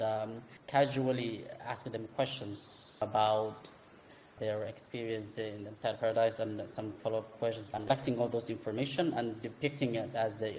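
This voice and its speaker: A man from Somalia, a photographer, recalling a project in an interview, pausing often with fillers. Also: on the low side, mellow, a little hiss or hum, poor audio. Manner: hesitant, many fillers. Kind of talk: interview testimony.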